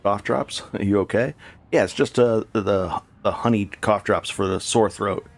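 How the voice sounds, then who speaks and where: A game streamer with a lowish voice talks at normal speed while playing live. His commentary is casual and rambling, and he corrects himself as he goes.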